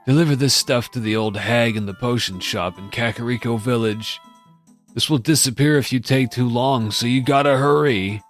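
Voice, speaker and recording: Male performer as pleading fantasy game man, urgent, anxious, raised pitch. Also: normal speed, soft background music, natural voice. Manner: urgent, begging. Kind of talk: amateur video game character voice-over.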